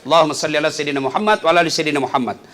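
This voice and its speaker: A middle-aged man, preaching a humorous sermon to a congregation, telling stories and swinging between loud calls and low asides. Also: racing.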